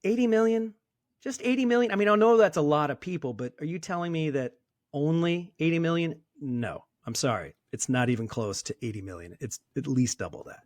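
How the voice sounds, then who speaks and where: A man in his fifties who works as a sober coach appears as a guest in a casual interview, speaking with blunt emphasis and the occasional curse. His voice sits a little high and a little mellow, and he talks briskly. No echo is audible.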